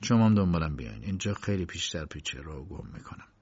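A man's voice: low-pitched, animated, darkish tone, husky, voice pushed down. A man voicing an uneasy, curt defendant who grows insistent, in a dull lo-fi recording. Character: uneasy, tense male defendant.

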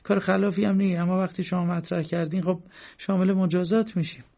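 A man's voice: high-pitched, steady tone, gravelly, dark tone. A man playing a frightened young male bank guard who pleads and complains in an aggrieved tone. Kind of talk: audio drama acting. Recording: muffled lo-fi recording.

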